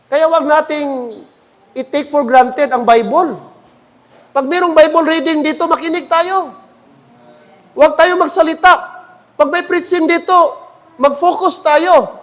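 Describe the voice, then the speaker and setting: A man's voice: very high voice, unhurried, long pauses, a bit bright. A man preaching a sermon in church, often asking the congregation "Amen?". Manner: preaching with frequent calls for "Amen?". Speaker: pastor.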